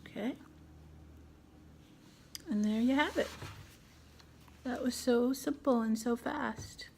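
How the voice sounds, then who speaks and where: A woman's voice: on the high side, takes it slowly, vocal fry, darkish tone, a little hiss or hum. A middle-aged woman hosting a casual crafting tutorial at home, chatting and thinking aloud as she works. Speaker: craft video host.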